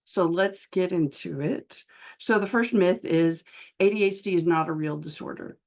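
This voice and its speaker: A middle-aged woman physician giving a webinar presentation, heard as screen-recorded video call audio, talking in a halting way with many filler sounds and restarts. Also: on the low side, a little mellow, dull audio.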